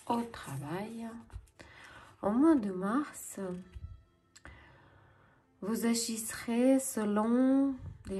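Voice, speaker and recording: As a tarot reader and channel host, a woman with a Ukrainian accent gives readings to her viewers in deliberate, halting phrases. Her voice is mid-range with a dark tone.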